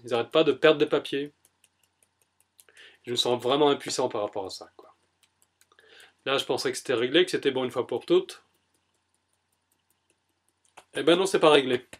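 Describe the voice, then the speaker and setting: A man doing an EFT tapping self-demonstration, speaking in short, repeated first-person statements that are emphatic and exasperated at first and softer later. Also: on the high side, fairly quick, pauses often. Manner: softer and more settled. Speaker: EFT practitioner.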